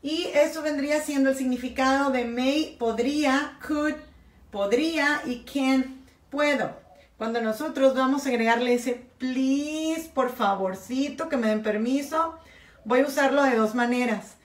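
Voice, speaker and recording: A woman's voice: sits high, a little slow. A woman teaching an English grammar lesson, explaining step by step and switching between English and Spanish. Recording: echoey room.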